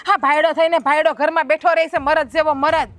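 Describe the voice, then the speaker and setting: A woman with a high, level voice speaks briskly in a lightly acted scene from a village family drama. She plays a proud young wife scolding and taunting her husband.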